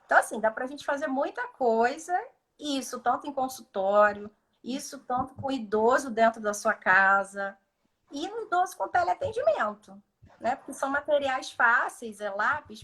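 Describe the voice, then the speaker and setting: A woman with a Brazilian Portuguese accent speaks in a fairly high register. She explains step by step on a video call and slips into short example dialogues with patients. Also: fairly bright tone. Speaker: speech therapist guest. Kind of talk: instructive live chat.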